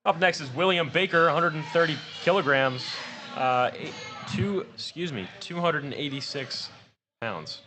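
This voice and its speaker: A man announcing lifters and weights at a powerlifting meet, talking fast and tripping over numbers. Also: fairly high pitch, lively intonation, bright, forceful tone, faint music behind. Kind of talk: live announcing. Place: powerlifting gym.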